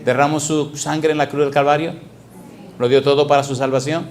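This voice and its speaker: A middle-aged male pastor preaching a lively sermon in a church, often asking the congregation questions. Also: on the high side, brisk. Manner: animated, asks the congregation repeated questions. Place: church sanctuary.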